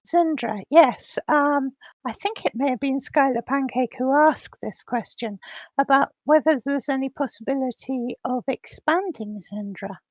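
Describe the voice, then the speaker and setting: A woman's voice: high-pitched, unhurried, darkish tone, dry recording, muffled recording. A woman co-hosting a casual livestream chat, her voice coming through glitchy, robotic voice-chat distortion. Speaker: livestream co-host asking questions.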